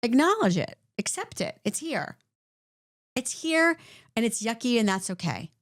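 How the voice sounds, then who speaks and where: A woman's voice: fairly high pitch, a little slow, no echo, studio quality. A woman clinician co-hosting a podcast, explaining points in a conversational way and often checking in with "right?". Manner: animated, repeats points with "right?".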